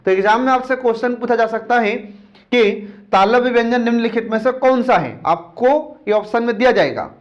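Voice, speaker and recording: High-voiced male teacher drilling points, dull recording. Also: animated. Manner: drills points by asking and answering his own questions; repeats key terms slowly and often. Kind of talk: exam-prep lecture.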